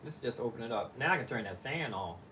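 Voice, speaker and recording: This rambling live-stream chat comes from an older man in his living-room studio, who thinks aloud with frequent fillers, halts, and restarts. He's animated and talks fast, his medium-pitched voice sounding pushed and bright, with slight background noise.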